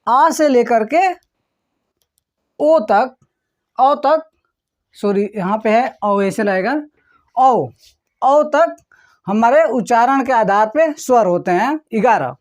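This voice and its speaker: Guy teaching a grammar class, really high voice, goes slow and says stuff twice, keeps asking "okay". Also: animated, lo-fi sound. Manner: repeats phrases word by word, often checks in with "okay". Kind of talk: online grammar lesson.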